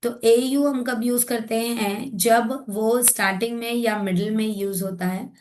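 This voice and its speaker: Woman explaining spelling rules slowly. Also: fairly high pitch, fairly even intonation, darkish tone, slight background noise. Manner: switches between Hindi and English, explains step by step, self-corrects. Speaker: teacher trainer. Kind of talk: spoken lesson for teachers.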